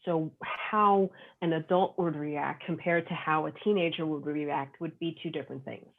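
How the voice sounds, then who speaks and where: A woman chats as a guest author, rambling and full of fillers. Her voice sits a bit low. The call audio is thin and phone-like. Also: fairly even intonation, normal speed. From Long Island, New York. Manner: chatty, rambling with many fillers. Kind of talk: casual interview chat.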